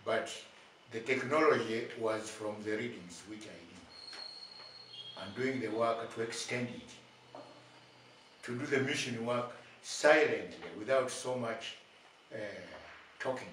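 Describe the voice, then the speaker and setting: Slow older bishop in echoey room. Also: male voice, medium pitch, fairly bright tone. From Uganda. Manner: slow, deliberate, with long pauses between short phrases. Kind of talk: sermon. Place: indoors, plain room. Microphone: far camera. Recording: very echoey room, far from mic, faint noise.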